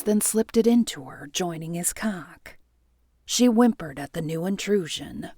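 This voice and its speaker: Softly intimate woman audiobook narrator. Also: medium pitch, no echo, clean studio sound. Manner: soft, intimate delivery, often dropping near a whisper. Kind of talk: scripted romance audiobook narration.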